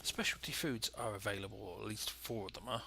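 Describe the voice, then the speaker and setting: A man narrates his gaming casually, rambling through his choices as he thinks aloud. His voice is on the low side with a bright, forward edge, thick and nasal from a head cold. There is noticeable noise behind him. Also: a little fast, creaky. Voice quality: nasal, congested. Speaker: gaming video host. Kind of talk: casual let's play commentary.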